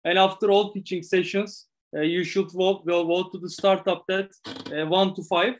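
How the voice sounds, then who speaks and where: A man moderating a pitch event as its host. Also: flat delivery, normal speed. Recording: faint background noise.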